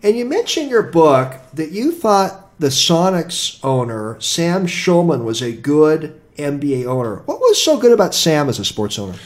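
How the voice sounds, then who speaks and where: A man's voice: a little high, very animated, moderate pace, hardly any pauses. A man hosting a sports radio interview, putting conversational questions to a guest.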